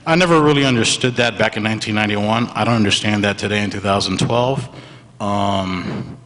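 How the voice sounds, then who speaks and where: A man's voice: on the low side, fairly quick, fairly bright tone. A man in his thirties from Venezuela, speaking as a panelist with a wry, irreverent storytelling manner. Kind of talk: live panel talk. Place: museum event hall before an audience. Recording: live hall reverb.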